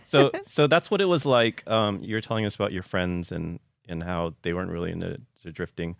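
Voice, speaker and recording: A man's voice: low voice, brisk, vocal fry, dry recording, clean studio sound. A man co-hosting a podcast, prompting the guest with questions and wry asides. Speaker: podcast co-host. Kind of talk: casual podcast interview.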